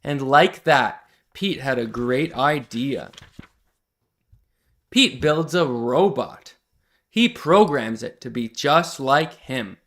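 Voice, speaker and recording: An animated man with a mid-range voice hosts read-alouds of children's picture books, reading slowly, simply and expressively. He adds friendly asides to his listeners along the way.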